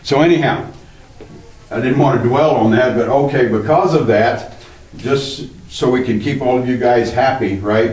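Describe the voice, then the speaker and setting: A man's voice: medium pitch, a little mellow. A man working as a cave tour guide, explaining things informally and conversationally to a small group. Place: inside a cavern. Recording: echoey cave, distant from the mic.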